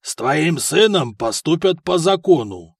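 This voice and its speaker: A man voicing a fat, self-important noble magistrate who talks in a slow, bored, contemptuous drawl, in an audiobook. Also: fairly high pitch, big pitch swings, vocal fry, slightly rough, no echo, clean studio sound, full character voice. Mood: bored contempt.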